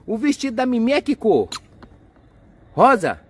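Excitable playful father. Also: very high-pitched, measured pace, slight background noise. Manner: excitable, coaxing, cheers and exclaims often. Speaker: father filming his kids at play. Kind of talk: playful family vlog narration. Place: outdoors on a street and yard.

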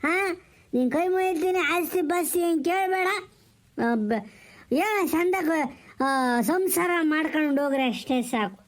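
A man playing a tipsy middle-aged village elder who pleads slowly and repeats himself. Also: extremely high pitch, animated. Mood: pleading. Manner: slow, pleading, repetitive.

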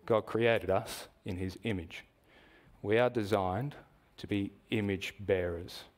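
A man with an Australian accent preaching a sermon in a church, measured and explanatory, asking the congregation questions. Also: fairly low pitch, fairly even intonation.

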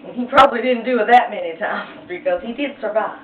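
Playful, chatty woman art teacher; higher voice, distant tinny recording. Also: quick pace, background noise. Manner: chatty, playful, retells story in slang. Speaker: painting teacher. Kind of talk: casual art lesson with storytelling. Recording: echoey, tinny, far from mic.

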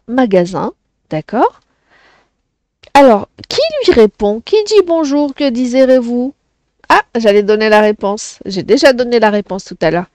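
A woman's voice: a little high, darkish tone, no echo. A woman teaching a French lesson to children, explaining patiently and often checking "d'accord?".

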